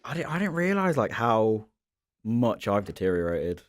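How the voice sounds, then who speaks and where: A man, co-hosting a casual chat podcast and telling animated stories. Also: on the low side, normal speed, dry recording, clean studio sound. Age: early 20s. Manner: animated storyteller, acts out voices in anecdotes. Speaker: podcast co-host.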